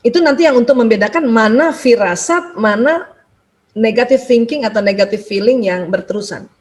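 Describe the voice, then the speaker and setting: Woman doctor chatting casual, kinda high voice, animated, acts out little prayers as she explains. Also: moderate pace. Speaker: doctor and guest speaker. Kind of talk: casual spiritual self-help talk.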